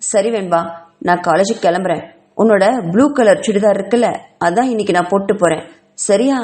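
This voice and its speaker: A woman's voice: medium pitch, fairly quick, a little mellow, lightly acted. A woman voicing a lazy, jealous young female student who talks in a mocking, offhand way.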